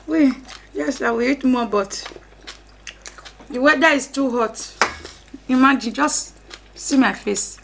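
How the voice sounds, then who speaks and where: A woman's voice: high voice, takes it slowly, long pauses. A woman with a Nigerian accent in casual mukbang chat, speaking between bites as she eats. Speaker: mukbang vlog host. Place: indoor room, seated at a table. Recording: clear steady background noise.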